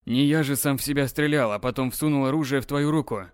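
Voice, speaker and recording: Man doing a calm, controlling husband. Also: medium pitch, fast talker, smooth, no room sound, studio quality, natural voice. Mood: insistent. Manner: firm, soothing yet commanding. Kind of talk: audiobook character reading.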